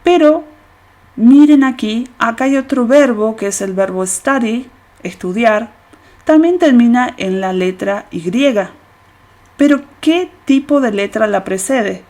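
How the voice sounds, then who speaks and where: A woman teaching English grammar in a slow, careful way, pausing often with hesitations. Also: on the high side, animated, darkish tone. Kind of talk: explaining grammar to students.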